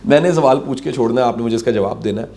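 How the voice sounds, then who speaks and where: A man hosting a conversational interview, asking long, animated rhetorical questions. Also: medium pitch. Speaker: talk show host.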